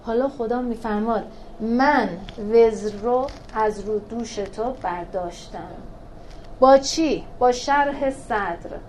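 A woman with a fairly high voice leads a religious lesson on scripture. She keeps posing questions to her listeners and answering them herself, in a lively back-and-forth style. A faint hiss sits under her voice. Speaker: teacher of a Quran class for women.

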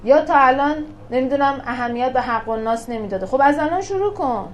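Her high, animated voice carries a religious lesson to a small class, and she emphatically asks questions only to answer them herself. The rough recording has a little hiss or hum.

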